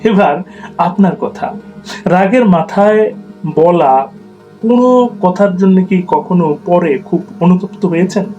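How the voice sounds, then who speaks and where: Male storyteller, high mellow voice, soft and reflective, faint music underneath. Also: lively intonation, slow pace, long pauses, lo-fi sound. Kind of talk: scripted story narration.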